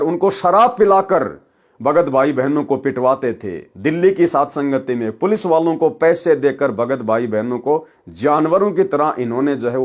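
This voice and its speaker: A male preacher with a fairly high-pitched voice reads a scripture story aloud, pausing to comment along the way. He addresses his listeners as brothers and sisters.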